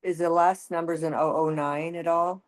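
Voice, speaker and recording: A woman with a fairly low voice checks plan details with a colleague, firing off short questions and answering with "right" and "okay." Her delivery is plain and conversational. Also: fairly even intonation. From Peoria, Illinois. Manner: asks quick clarifying questions, affirms often. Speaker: insurance agent. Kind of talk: casual phone chat about plans.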